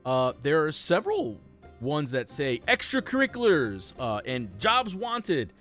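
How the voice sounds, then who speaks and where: A man's voice: on the high side, wildly swooping pitch, unhurried, fairly bright tone, soft background music. A man running a tabletop game as dungeon master, narrating in a loose, rambling way full of fillers.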